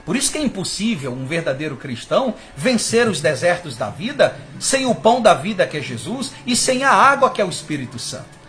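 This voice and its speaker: A man's voice: high voice, big pitch swings, a little fast, a bit bright. A man preaching a sermon with fervor, speaking to his listeners as brothers. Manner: fervent, rising and falling, addresses listeners as brothers.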